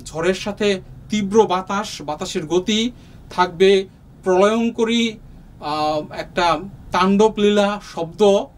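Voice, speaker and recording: Slow, patient Bangladeshi man teaching. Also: high-pitched, recorded from a distance, low-quality recording. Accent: Bangladeshi Bengali. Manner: slow, patient, with many pauses and fillers. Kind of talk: explaining a lesson to young students. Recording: voice from off the mic, faint room noise.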